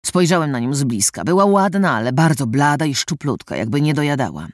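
Expressive male audiobook narrator. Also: on the high side, brisk, dry recording, clean studio sound. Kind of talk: first-person audiobook narration.

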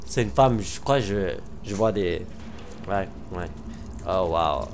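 A man's voice: deep voice, lively intonation, slow pace, slight background noise. A man with a Québécois French accent giving let's-play commentary, exclaiming, joking and humming to himself as he plays. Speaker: gamer commentator.

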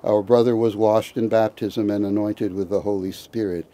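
A man, a priest, reciting committal prayers at a graveside in a measured, liturgical way. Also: on the low side, steady tone, warm tone, slight background noise.

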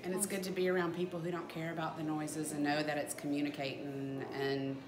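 A woman's voice: low voice, level tone, brisk, reverberant. A middle-aged woman chatting reflectively as an interviewed mother. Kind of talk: reflective casual chat. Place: small lamp-lit room.

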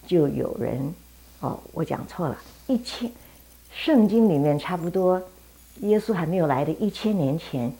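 A woman teaching Sunday school, telling a Bible story in a lively way and talking directly to the children. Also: fairly low pitch, gravelly.

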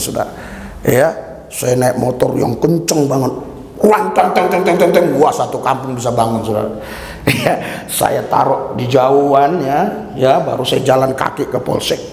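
A man's voice: medium pitch, fairly even intonation, normal speed, creaky, a little mellow, slight background noise. A man preaching a fervent sermon as a pastor, telling stories and calling out hallelujahs. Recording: reverberant hall.

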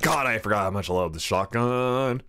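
A man streaming a video game, commenting casually in a joking, swearing, animated way. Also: on the low side, normal speed, heavy background noise.

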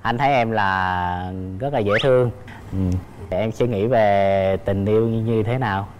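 A man's voice: on the low side, a little slow, highs cut off, slight background noise. A young man, a contestant on a dating show, speaking politely and hesitantly. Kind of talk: casual chat.

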